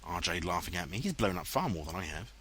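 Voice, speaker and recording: A man's voice: deep voice, sing-song, fast talker, fairly bright tone, a little hiss or hum. Chatty, self-mocking English man narrating gameplay. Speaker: let's play commentator. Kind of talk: casual game commentary. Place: home room, voice-over recorded later. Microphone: headset, dubbed in post-production.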